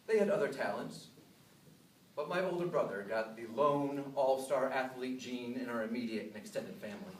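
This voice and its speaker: An American man delivering a memorized humorous speech to an audience, with deliberate pauses and self-deprecating punchlines. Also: medium pitch. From upstate New York, USA. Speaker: contestant giving a humorous club speech. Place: live speech in a room. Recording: roomy, distant mic, some noise.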